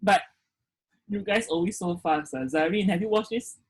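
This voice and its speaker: A man's voice: sits high, moderate pace, husky, rough recording. A man teaching a class over a video call, filling his speech with "okay" and putting questions to his students. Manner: frequent "okay" fillers, questions students directly. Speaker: lecturer. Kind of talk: online class lecture.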